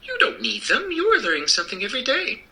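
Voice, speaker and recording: A man plays an old humbug wizard from a storybook. The voice is very bright and forceful, swinging freely up and down in pitch. He is kindly and apologetic, explaining himself in earnest. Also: huge pitch swings, quick pace, slightly rough, heavily acted. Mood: apologetic, reassuring. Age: older. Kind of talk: storybook reading.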